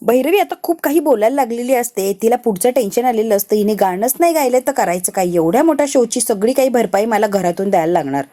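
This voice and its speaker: A woman tells a serial's plot in a casual, chatty recap. Her voice is slightly high yet mellow and warm. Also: fast, hardly any pauses. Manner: chatty, animated retelling.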